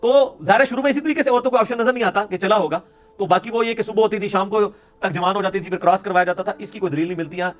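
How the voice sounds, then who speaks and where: A man from Pakistan, an Islamic scholar, giving a conversational religious lecture with sarcastic asides. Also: sits high. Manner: explanatory, conversational with sarcastic asides and Punjabi interjections.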